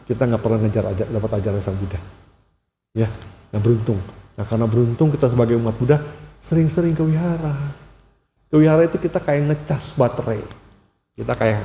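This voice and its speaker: Mellow-voiced man preaching in an echoey hall. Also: mid-range voice, slight background noise. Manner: chatty storyteller, acts out dialogue in livelier voices. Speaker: Buddhist lay preacher. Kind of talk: casual sermon with anecdotes. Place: temple hall.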